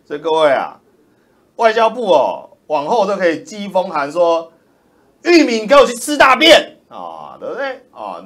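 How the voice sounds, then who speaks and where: Man, political livestream commentator; loud, roaring, sneering, pitch leaping all over. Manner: loud, roaring, mocking, insulting.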